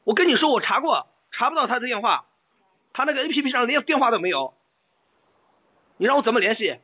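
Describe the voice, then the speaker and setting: On a tinny phone call, an angry caller stammers and repeats his complaints insistently. His extremely high-pitched voice is sing-song and slightly rough, moving at a quick pace.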